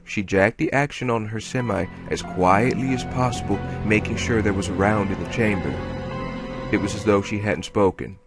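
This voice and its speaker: A man narrating an audiobook chapter in a steady storytelling manner. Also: on the low side, moderate pace, over music. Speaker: audiobook reader.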